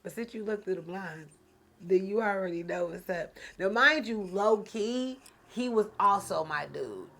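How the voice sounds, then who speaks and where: A woman host telling a personal story in a casual, slangy, animated way, often laughing. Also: medium pitch, unhurried. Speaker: podcast host.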